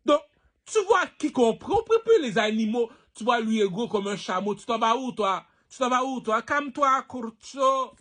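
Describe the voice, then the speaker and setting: A man's voice: very high-pitched, expressive, normal speed, fairly bright tone. A man from Haiti delivering a rambling, preachy monologue, firing rhetorical questions at his listeners and repeating his lines. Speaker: online personality.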